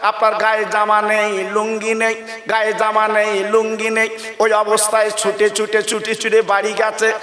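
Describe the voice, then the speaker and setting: A man's voice: high voice, completely flat delivery, normal speed, bright, forceful tone, reverberant, big-room sound. A male Islamic preacher telling a story in an emotional, repetitive, half-sung sermon style.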